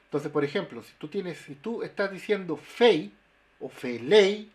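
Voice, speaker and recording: Halting linguist explaining sounds. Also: male voice, a little high. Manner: halting, many fillers and restarts. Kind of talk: webinar explanation. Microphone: video call.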